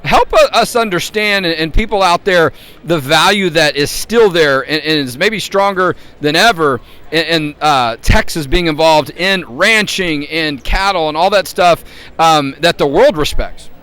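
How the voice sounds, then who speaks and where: A man with a high-pitched voice hosts a casual live interview. He talks in a chatty way and tends to ramble through his introductions and questions. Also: unhurried, bright, forceful tone, smooth. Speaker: host, advocacy group president. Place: convention floor.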